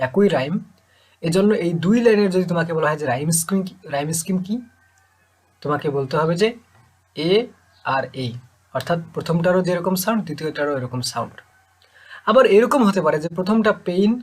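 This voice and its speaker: A male teacher talks through a recorded lesson, his voice sitting a little high. He explains step by step, pausing and repeating key points so students can follow. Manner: slow, patient explaining with repetitions. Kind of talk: recorded lecture.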